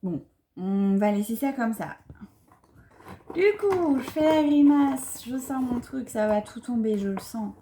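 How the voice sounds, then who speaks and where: A woman's voice: on the high side, animated, a little slow, mellow, a little hiss or hum. A young woman, chatting enthusiastically to camera as she unboxes beauty products, with many fillers. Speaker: beauty vlogger. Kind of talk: casual unboxing chat to camera.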